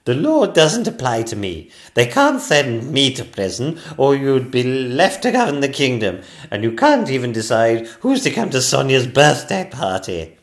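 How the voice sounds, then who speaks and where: A man voicing a bossy, chatty queen who speaks in a haughty, drawn-out way. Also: mid-range voice, huge pitch swings, pitched above the performer's own voice. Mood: indignant.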